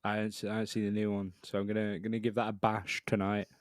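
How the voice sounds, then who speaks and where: A man's voice: lowish voice, completely flat delivery, fast talker, no room sound, clean studio sound. A British man co-hosting a podcast, chatting casually in a talkative, opinionated way with some swearing. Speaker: podcast co-host.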